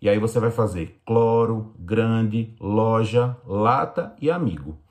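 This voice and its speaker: A man teaching young children in Brazilian Portuguese, explaining slowly and patiently in a recorded lesson. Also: on the low side, animated, darkish tone. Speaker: primary school teacher.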